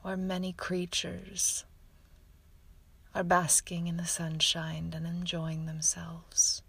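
A woman guides a meditation at an unhurried, drawn-out pace, her soft and soothing voice slipping often into breathy whispers. Her pitch sits a little low for a woman. The sound is close and dry, with no room echo. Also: completely flat delivery.

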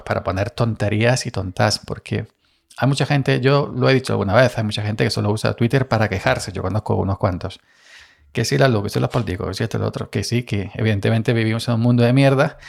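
A man's voice: fairly low pitch, creaky. A man from Andalusia, talking casually on his own podcast in a rambling, self-deprecating way with many fillers and restarts. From Andalusia, Spain. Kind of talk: casual solo podcast monologue.

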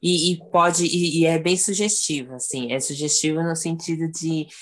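Woman, lowish pitch, earnest storyteller in casual talk. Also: steady tone, normal speed. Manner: earnest storyteller who acts out quoted remarks. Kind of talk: casual chat.

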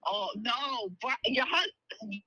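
Middle-aged mom calling in over the phone on speakerphone, high and bright, flustered and hurried. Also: female voice, dry recording. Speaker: phone guest, host's mother. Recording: distant phone line.

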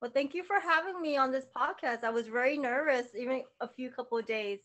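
A woman guesting on a casual podcast, her voice sitting a little high. She talks in loose, halting bursts, restarting phrases and filling gaps with fillers. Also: a bit bright. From lives in the United States. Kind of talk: casual interview chat.

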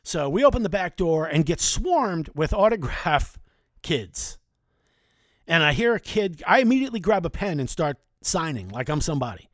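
A man's voice: a little high, sing-song, normal speed, a bit bright, dry recording, clean studio sound. A man in his forties telling casual, chatty anecdotes from his youth, talking loosely and swearing now and then. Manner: chatty, conversational, with mild swearing. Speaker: storyteller.

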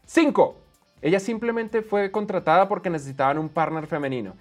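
A man hosting a podcast, giving blunt and animated opinions on technology and often swearing. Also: fairly high pitch, fast talker, faint music behind. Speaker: podcast host. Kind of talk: opinionated tech commentary.

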